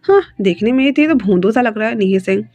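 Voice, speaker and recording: A woman's voice: fairly high pitch, lively intonation, a little fast, darkish tone, no echo, muffled recording. Woman voicing a cheeky, stubborn young man. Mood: teasing. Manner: cheeky, teasing.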